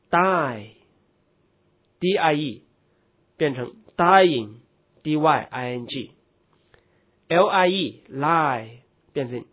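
Slow, husky male grammar teacher. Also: a little high. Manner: slow, deliberate, spells words letter by letter. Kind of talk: explaining spelling rules, spelling out letters. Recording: tinny phone-like recording.

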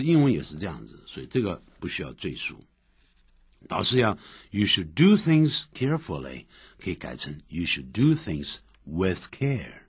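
A man with a husky voice giving a grammar lecture, explaining step by step and repeating example sentences. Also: low voice, dry recording. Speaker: English grammar teacher. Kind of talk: classroom-style grammar lecture.

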